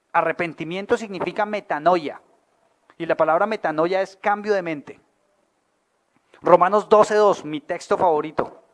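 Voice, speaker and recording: A man with a Colombian accent, preaching a sermon as pastor. He is colloquial and humorous and keeps asking the audience questions. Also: on the high side. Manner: lively, asks the audience questions.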